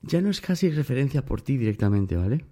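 Man, warm low-toned voice, a bit raspy, emphatic, talks straight to the listener. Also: big pitch swings, brisk. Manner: emphatic, addresses the listener directly. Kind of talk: casual storytelling monologue.

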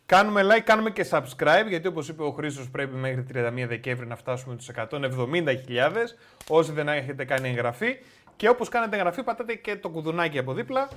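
A man co-hosts a casual sports live stream in an upbeat, chatty tone. His slightly higher voice runs through channel announcements and viewer shout-outs. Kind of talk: casual chat with channel promotion.

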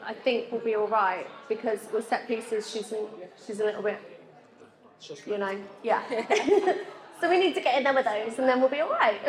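A woman's voice: a little high, moderate pace. A woman pundit on a sports podcast, speaking tentatively and giggling as she chats. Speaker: pundit guest. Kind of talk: casual sports chat. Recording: roomy echo.

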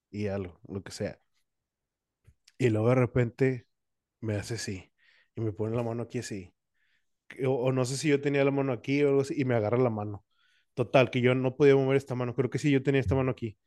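A man's voice: medium pitch, darkish tone, no room sound, clean studio sound. A young man, co-hosting a podcast, rambling casually through a personal story and acting out his own cries. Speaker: podcast co-host.

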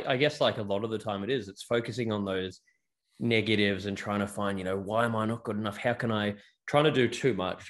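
A man hosting an interview, who talks in a rambling, hesitant way with many restarts. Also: lowish voice. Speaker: podcast host and actor. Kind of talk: casual interview.

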